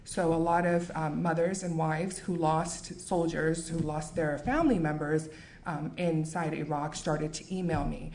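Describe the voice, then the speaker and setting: American woman, author, book talk and reading, measured and earnest, lowish voice, faint noise behind. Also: fairly even intonation, darkish tone. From United States. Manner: measured, earnest, with frequent fillers.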